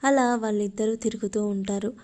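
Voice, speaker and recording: A woman narrating a love story, reading in a steady, flat way. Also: mid-range voice, fairly quick.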